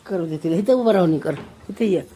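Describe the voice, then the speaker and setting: A young woman, a mother, chatting playfully with her little daughter, teasing her with lots of quick questions. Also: lowish voice, mellow, slight background noise.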